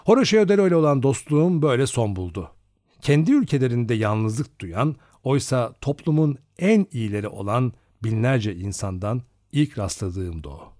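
Expressive male audiobook narrator. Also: mid-range voice, normal speed, dry recording, clean studio sound. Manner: expressive storytelling. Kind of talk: scripted narration of a novel.

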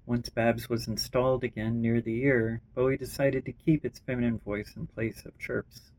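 A man reading his own rough story draft aloud, unrehearsed, with small slips and restarts. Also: mid-range voice, level tone, moderate pace, darkish tone, slight background noise. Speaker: writer and narrator.

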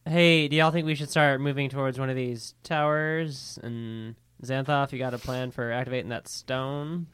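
A man's voice: medium pitch, fairly even intonation, moderate pace, fairly bright tone, clear, resonant tone, dry recording. A man playing a tabletop game, wry and joking. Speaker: player. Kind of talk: casual tabletop role-play.

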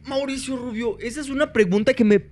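A man's voice: very high voice, fairly quick, darkish tone, faint music behind. A man with a Mexican accent, co-hosting a comedy podcast, teasing and swearing a lot in casual banter. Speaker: podcast co-host.

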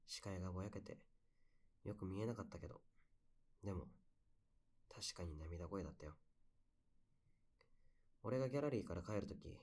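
A man playing a wistful young man who recounts memories in an intimate, soft-spoken bedside audio drama monologue. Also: low-pitched, moderate pace, pauses often. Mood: wistful, tender.

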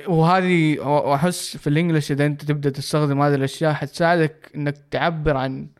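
A man co-hosting a casual podcast lesson, reading English lines slowly and carefully, then breaking them down word by word. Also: on the high side, steady tone, clean tone. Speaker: podcast co-host teaching English. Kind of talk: casual explanatory lesson chat.

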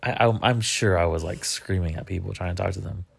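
Man in his thirties, very low and gravelly voice, laid-back rambling podcast co-host. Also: a little fast. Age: 30s. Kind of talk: casual chat.

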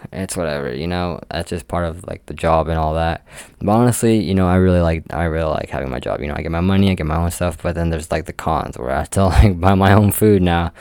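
Low-voiced young man, rambling casually. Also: a little fast, a little mellow, clear, resonant tone, no room sound, studio quality. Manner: rambling, heavy use of "like" fillers. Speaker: amusement park game attendant. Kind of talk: casual storytelling vlog.

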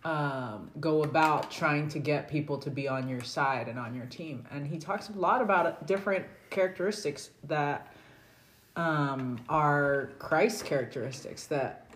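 A middle-aged woman with a low-pitched voice leads a casual family scripture discussion at home, speaking at a measured pace as she poses questions and prompts her kids. She is a podcast host and a parent. The recording sounds roomy, with background noise.

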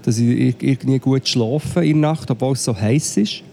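A man's voice: mid-range voice, normal speed, vocal fry, mellow, slight background noise. A man with a Swiss German accent, sick at home, chatting casually as a podcast co-host and complaining about the call connection. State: sick and coughing. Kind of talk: casual chat over a remote call.

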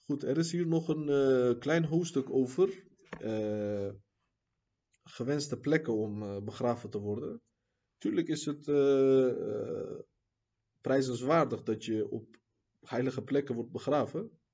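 A man teaching an Islamic lesson who reads texts quickly, then explains them at length with many fillers and asides to his listeners. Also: medium pitch, mellow, dull audio. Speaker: religious teacher.

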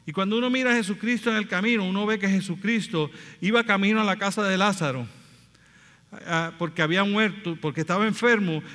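A man's voice: high voice, fairly quick, sharp tone. A man preaching a sermon as pastor, passionately retelling scripture stories and acting out their dialogue. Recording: long hall reverb.

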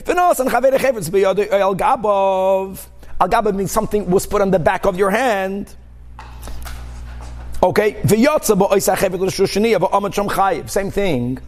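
A high-voiced man, a rabbi, leads a religious class at a moderate pace, reading aloud from a text and then explaining it. His style is informal, leaning on examples, repetition and rhetorical questions to drive each point home.

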